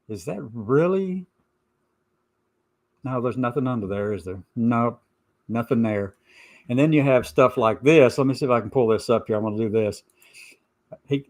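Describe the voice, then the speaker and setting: A man's voice: medium pitch, a little mellow. A man hosting an informal opinion show, stressing and repeating his points with sarcastic asides. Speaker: host of a commentary show.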